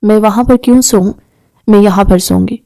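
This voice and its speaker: A woman's voice: mid-range voice, steady tone, mellow, dry recording, lightly acted. A woman voicing a mischievous young woman in an audio novel, teasing and bratty.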